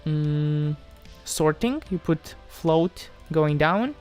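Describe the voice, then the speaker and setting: Speaking very slowly over soft background music, a man from Moldova answers viewers on his livestream. His voice is a little high with a darkish tone and lively intonation. He chats casually but hesitantly, often repeating himself and trailing off.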